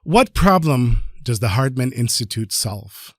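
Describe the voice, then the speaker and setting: A man's voice: mid-range voice, very animated, measured pace, dry recording, studio quality. Plain-voiced male interviewer, curious. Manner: curious, brief follow-up questions. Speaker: podcast host, interviewer. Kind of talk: interview questions.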